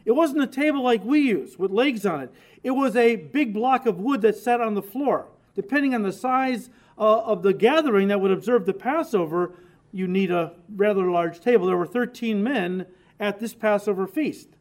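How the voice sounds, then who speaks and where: A man's voice: high-pitched, lively intonation, moderate pace. A male pastor teaching through a Bible passage in a conversational, emphatic way, speaking directly to his listeners. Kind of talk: sermon teaching.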